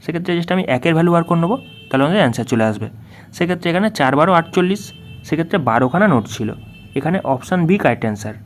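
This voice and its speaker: A man with a slightly high voice works through exam questions as a tutor. He explains each step and keeps asking the student what comes next. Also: lively intonation, very fast, slight background noise. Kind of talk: worked-solution lesson.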